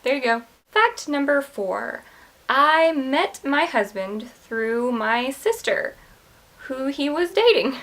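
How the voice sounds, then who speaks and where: Chatty woman in her twenties, a touch high. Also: animated, takes it slowly, fairly bright tone. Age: 20s. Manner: chatty, candid, self-deprecating. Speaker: book vlogger. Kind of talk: casual talk to camera.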